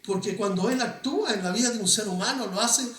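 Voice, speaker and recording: High-voiced preacher in an echoey church. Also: male voice, a little fast, fairly bright tone, far from the mic. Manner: conversational preaching, asks the congregation questions, frequent restarts. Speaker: pastor. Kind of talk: sermon. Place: church hall.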